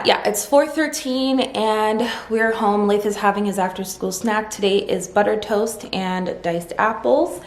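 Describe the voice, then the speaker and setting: A woman in her thirties chatting casually and upbeat to camera at home, rambling through asides. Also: medium pitch. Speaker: vlogger. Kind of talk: casual vlog chat. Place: home kitchen. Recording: echoey home room with faint noise.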